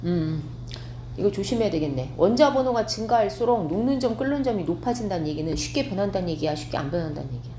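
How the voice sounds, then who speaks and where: A woman's voice: mid-range voice, animated, warm tone, a little hiss or hum. Woman teacher in an echoey classroom. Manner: explains step by step, asks students quick check questions. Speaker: science teacher. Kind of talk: classroom lecture.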